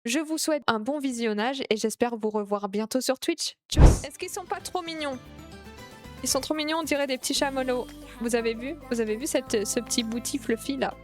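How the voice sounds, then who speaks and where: A young woman streamer chatting excitedly while playing a game, gushing over everything she sees. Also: high-pitched, a little fast, faint music behind. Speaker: Twitch streamer. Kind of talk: casual gameplay streaming.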